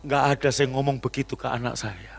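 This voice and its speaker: A male pastor with an Indonesian accent preaching a sermon, swinging between quiet asides and shouted climaxes, mixing casual slang with formal address. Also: medium pitch, brisk, creaky. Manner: animated preaching, shouts climaxes, acts out quoted dialogue.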